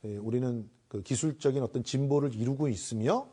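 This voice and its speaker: A man gives political analysis on a talk panel in a dark, mellow tone. He builds his argument deliberately and draws words out around thinking fillers, at an even middle pitch. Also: slightly rough. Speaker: panel commentator.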